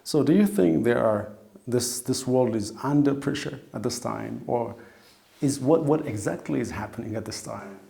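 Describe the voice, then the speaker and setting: A man interviewing an ambassador, asking halting questions that he often restarts. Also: medium pitch, creaky, mellow.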